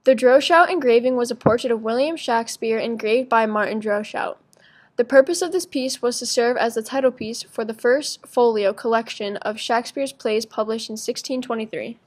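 A woman's voice: a little high, moderate pace. A woman narrating a school project presentation, reading evenly from a script. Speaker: student presenter.

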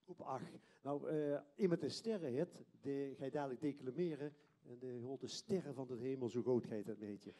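A man's voice: medium pitch, fairly quick, mellow. A man in his fifties with a Limburgish Dutch accent, hosting live on a theatre stage with a handheld microphone in informal, hesitant phrases. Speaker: stage host, schoolteacher. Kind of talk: live presenting and chatting with contestants. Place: theatre stage before an audience.

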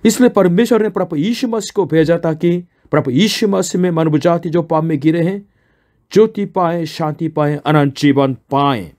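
A man's voice: a little high, normal speed, a little mellow. A man preaching a sermon in an earnest, explaining way, asking questions and answering them himself.

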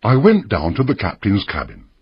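A man reading a story aloud in a measured, expressive way for English learners. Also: fairly low pitch, breathy edge, lo-fi sound. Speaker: narrator.

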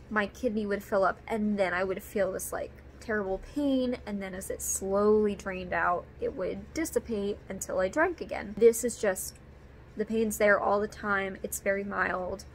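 A woman vlogger with a hoarse voice, chatting casually and rambling, with lots of ums and trailing thoughts. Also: medium pitch, a little hiss or hum. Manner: chatty and rambling, with frequent fillers. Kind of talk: casual vlog chat.

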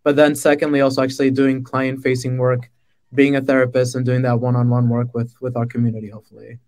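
A man's voice: medium pitch, flat delivery, fast, a little mellow. A man in his thirties from the Dominican Republic, a product manager on a video-call panel, talking casually with lots of "like" and "right?". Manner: conversational, fillers like "right?" and "like". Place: small room indoors. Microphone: laptop webcam mic on a video call.

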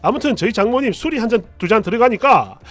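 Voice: medium pitch, animated, fast talker. A storyteller in scripted narration, telling a family story in a chatty, confiding way.

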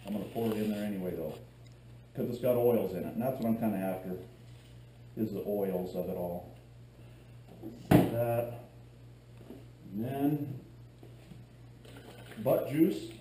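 A man's voice: lowish voice, measured pace, long pauses, mellow. Joking middle-aged man in an echoey garage. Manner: joking, rambling, chatty asides while working. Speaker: fishing video host. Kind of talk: casual how-to vlog. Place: cluttered garage workshop. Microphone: far camera on a tripod. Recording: echoey garage with faint hum.

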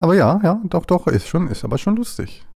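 A man's voice: sits high, sing-song, brisk, gravelly, mellow, husky. A man chatting casually on a live stream while playing a game, playful and jumpy, slipping into silly bits, with a stuffy, runny nose from a cold.

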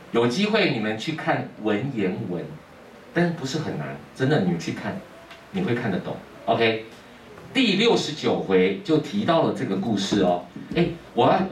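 A man's voice: mid-range voice, slight background noise. A man teaching a class, telling a story animatedly and quizzing his students. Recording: roomy classroom from a distance.

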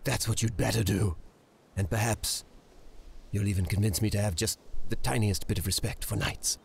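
A man playing a proud goblin-like potion merchant in a video game, giving a gruff, haughty pitch full of grave warnings in a raspy voice. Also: steady tone, normal speed, exaggerated voice. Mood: grudging respect.

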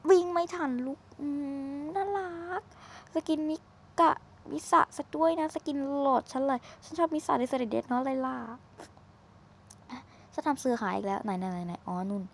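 A woman's voice: sits high, expressive, moderate pace, creaky. A woman giving casual, chatty commentary while playing a video game, teasing and exclaiming as she goes, recorded at a desk microphone. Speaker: gaming streamer.

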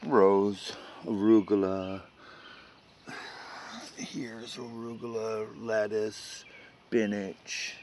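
A man giving a casual, unhurried walkaround of his food garden outdoors, pointing out plants with short remarks. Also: on the low side, flat delivery, darkish tone, a little hiss or hum.

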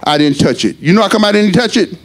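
Shouting preacher man. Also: sits high, lively intonation. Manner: preaching with rising shouts and drawn-out words. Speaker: pastor. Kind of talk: sermon.

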